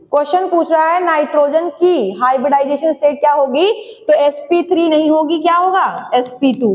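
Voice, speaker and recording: A woman teaching a chemistry class in speech, quizzing students, answering her own questions and dictating key points. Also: high-pitched. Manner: urges students to write fast; slowly spells out key terms for dictation. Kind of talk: classroom lecture, dictating notes. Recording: long hall reverb.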